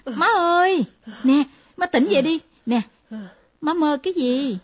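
A woman playing an excitable young adult daughter who exclaims and teases. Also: sits high. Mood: excited. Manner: quick, exclaiming, teasing. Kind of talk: radio drama acting. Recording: dull lo-fi recording.

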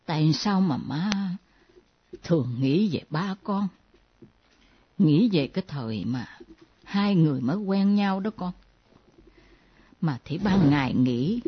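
A woman voicing an aging widowed mother who speaks slowly and complains, haunted by dreams of her late husband. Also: expressive, slightly rough, full character voice. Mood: brooding. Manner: slow, low, complaining. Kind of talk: radio drama acting. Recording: dull lo-fi recording.

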